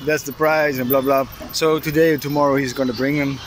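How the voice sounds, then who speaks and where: Speaking fairly quickly with little pitch movement, a middle-aged man vlogs about sailing, mixing casual chat with DIY explanation. He's outside at a harbor boatyard and on a boat deck, recorded by a handheld camera at arm's length amid noisy outdoor rumble.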